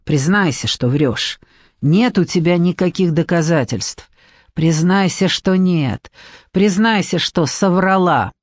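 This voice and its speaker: A woman's voice: on the low side, slow pace, no room sound. Woman doing a snarling villainous male boss, audiobook, threatening, dry close sound. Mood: menacing. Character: menacing male boss, cowardly and violent. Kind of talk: audiobook reading.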